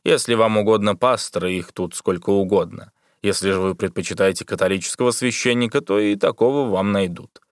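A man's voice: fairly low pitch, fairly quick, hardly any pauses, no room sound, clean studio sound, natural voice. A man reading the part of an army surgeon who speaks coldly and without feeling. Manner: cold, detached. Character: cold, matter-of-fact male army surgeon.

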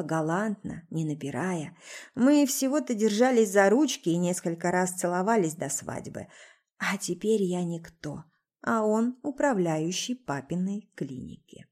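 A woman narrating a first-person audiobook in a subdued, quietly bitter way. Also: mid-range voice.

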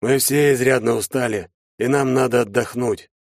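A male audiobook narrator voicing an ailing older man with a failing heart, hoarse, strained and halting. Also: medium pitch, steady tone, dry recording, studio quality, pitched above the performer's own voice, close to an everyday voice. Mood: weary. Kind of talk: audiobook character voice.

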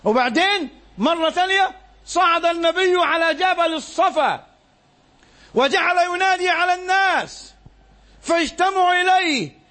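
A man preaching a Friday sermon in an Egyptian Arabic accent, impassioned and at times shouting his exhortations. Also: extremely high pitch, expressive, normal speed.

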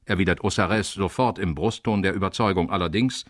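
A man reading documentary narration calmly and plainly. His voice is low and recorded very dry, close to the mic. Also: fairly quick, dry recording. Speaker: second narrator.

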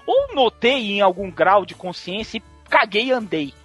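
A man hosting a podcast, telling a crude comic story in an excitable way and mimicking the people in it. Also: sits high, normal speed, breathy edge, soft background music. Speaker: podcast host.

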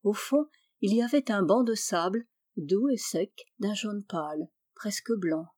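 A woman reading a classic story aloud in measured, descriptive narration. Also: mid-range voice, darkish tone, no echo, clean studio sound. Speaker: reader.

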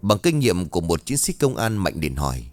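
Audiobook narrator, man, low lively voice, dry close sound, faint music under. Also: fairly quick, dry recording. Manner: expressive storytelling. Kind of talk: scripted ghost story narration.

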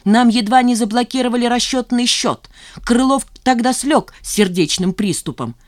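A woman's voice: on the high side, moderate pace, voice pushed up, lightly acted. Woman doing an indignant scolding office worker. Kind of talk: audiobook character voice.

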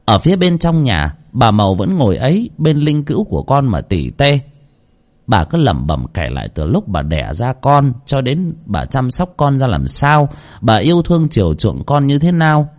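A man's voice: mid-range voice, sing-song, normal speed. A man narrating a ghost story with a dramatic, tense delivery.

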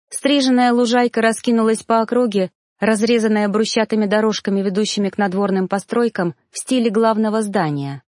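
A woman narrating a first-person audiobook in a measured, even reading voice. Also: mid-range voice, no room sound, studio quality.

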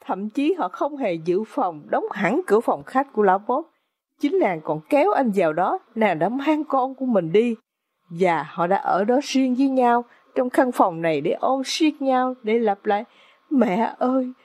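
A woman's voice: a little high, sing-song, normal speed, a little mellow, no room sound. A woman narrating an audiobook in a dramatic, suspenseful storytelling manner.

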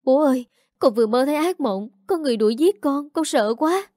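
A woman's voice: high-pitched, lively intonation, brisk, warm tone, no echo, clean studio sound, voice pushed up. A woman voicing a frightened young woman who has just woken from a nightmare, speaking in a tearful, shaky voice. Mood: terrified.

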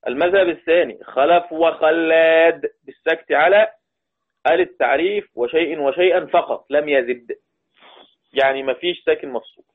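Egyptian teacher quizzing his class on a tinny line. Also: on the high side. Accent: Egyptian Arabic. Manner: repeats points slowly, quizzes the class. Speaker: Quran recitation teacher. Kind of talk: classroom lesson. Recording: tinny phone-like audio.

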